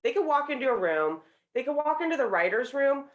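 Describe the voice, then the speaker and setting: A woman's voice: high voice, sing-song, fairly quick, lo-fi sound. A woman in her thirties, a professor and author appearing as a guest, explaining her points fluently and confidently. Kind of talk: interview answers.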